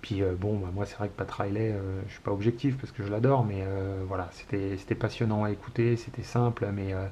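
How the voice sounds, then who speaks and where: A man's voice: fairly low pitch, fairly even intonation, fairly quick, few pauses, dark tone. A man in his forties from France, hosting a casual solo chat show, rambling with many hesitations in a fond, nostalgic way. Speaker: show host. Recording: dull home recording with faint hiss.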